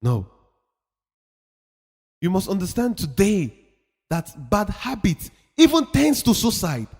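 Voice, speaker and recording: With huge pitch swings, a darkish tone and a breathy edge, a man with a high voice delivers a slow motivational talk. His manner is emphatic and preachy, full of repeated phrases, and a long reverb lingers as in a hall.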